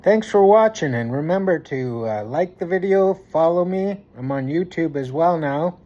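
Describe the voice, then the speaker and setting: A man's voice: a little high, lively intonation, moderate pace, dark tone, muffled recording. A man talking casually to his viewers as a food review vlogger.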